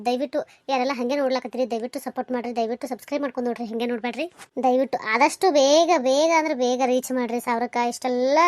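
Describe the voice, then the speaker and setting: A woman's voice: high voice, no room sound. A woman, the channel host, earnestly and repeatedly asking viewers for support. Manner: earnest, repetitive pleading. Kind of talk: channel outro appeal.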